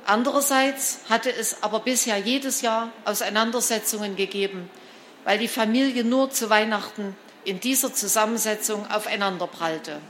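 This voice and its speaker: A woman narrating a children's storybook in an expressive, lively reading style. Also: medium pitch, normal speed, slight background noise. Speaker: storybook reader.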